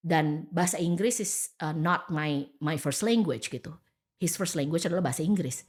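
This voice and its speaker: A woman from Indonesia, a podcast guest giving casual advice. She talks in an animated way, acts out quoted lines of dialogue, and mixes English phrases into her speech. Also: low-pitched, moderate pace, husky.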